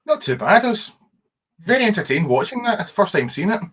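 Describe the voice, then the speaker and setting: A man's voice: sits high, sing-song, fairly quick, a bit bright, husky. A man in his thirties with a thick Glasgow accent, chatting casually as a guest artist. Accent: thick Glasgow Scottish. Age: 30s. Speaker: cartoonist and comic book artist, guest. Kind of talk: casual chat.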